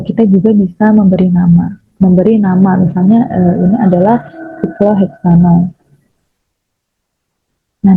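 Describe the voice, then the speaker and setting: A young woman from Indonesia, a chemistry education student, walking through a software tutorial with frequent fillers. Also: medium pitch, dry recording. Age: young adult. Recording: raspy phone-like lo-fi audio.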